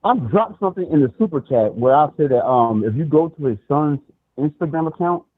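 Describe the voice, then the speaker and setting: A man calling in to a talk show, his voice muffled as if through a wall, getting excited and stumbling over repeated words. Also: fairly high pitch, fairly quick, no room sound. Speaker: caller. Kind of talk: casual call-in chat. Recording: muffled tinny phone line.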